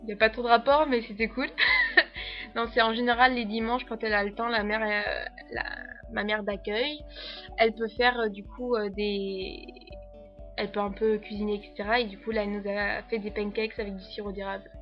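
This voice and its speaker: A woman's voice: mid-range voice, steady tone, fairly quick, muffled recording, soft background music. A young French woman, an au pair, chatting casually to camera with a French accent, rambling with lots of fillers and frequent giggles. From France. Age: young adult. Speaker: au pair vlogger.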